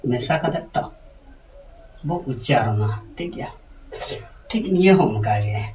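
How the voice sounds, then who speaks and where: A man's voice: mid-range voice, expressive, normal speed, a little mellow, far from the mic, a little hiss or hum, low-quality recording. A man teaching pronunciation letter by letter, patiently repeating each sound and checking that his listeners follow. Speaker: language teacher.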